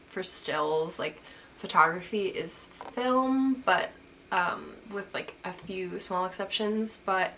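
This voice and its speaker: Young woman, lower register, stuffy from a cold, casual rambling vlogger, camera-mic sound with light hiss. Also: a bit bright. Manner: rambling, lots of "like" and restarts. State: stuffy, recovering from illness. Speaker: photography vlogger answering questions. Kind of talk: casual Q&A vlog. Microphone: camera's built-in mic.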